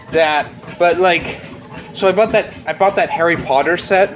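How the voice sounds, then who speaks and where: Walking on a treadmill, a young man vlogs in a casual, unscripted chat to camera, blunt and rambling with plenty of swearing. His voice is fairly high, and the recording quality is low.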